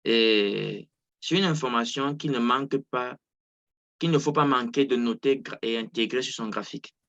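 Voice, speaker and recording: A man's voice: mid-range voice, moderate pace, fairly bright tone. Hesitant man on a muffled video call. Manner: hesitant, many fillers and restarts. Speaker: trading coach hosting a Zoom session. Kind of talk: casual explanation on a video call.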